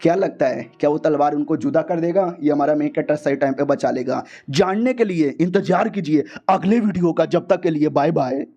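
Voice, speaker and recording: A man narrating a manga recap in a slangy, joking style with quick asides. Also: a little high, dark tone, soft background music. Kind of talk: comedic story recap. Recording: dull lo-fi sound.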